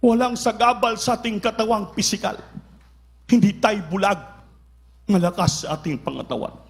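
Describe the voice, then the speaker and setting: A man preaching with mounting fervor, his voice riding high for a man. He drives his points home again and again and calls for the congregation to answer, sometimes rising to a shout. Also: normal speed, creaky. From Philippines. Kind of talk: sermon.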